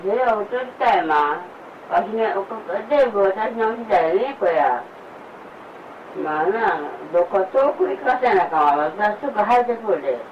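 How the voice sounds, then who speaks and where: A woman's voice: medium pitch, far from the mic. Older woman, grumbling and repetitive, caught from across the room on a dull, faintly noisy home recording. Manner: grumbling, repeating complaints.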